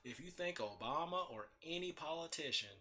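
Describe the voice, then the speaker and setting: A man's voice: fairly high pitch, lively intonation, normal speed, sharp tone. A man ranting casually and bluntly about politics, swearing constantly and restarting his sentences. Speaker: host ranting on his own channel. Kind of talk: casual profane rant.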